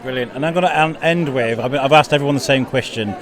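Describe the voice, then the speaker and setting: A man's voice: medium pitch, fast. A man hosting a casual podcast interview in a rambling, appreciative way. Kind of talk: casual chat. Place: busy wellbeing festival venue. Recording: outdoor-like hubbub of festival crowd. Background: crowd chatter.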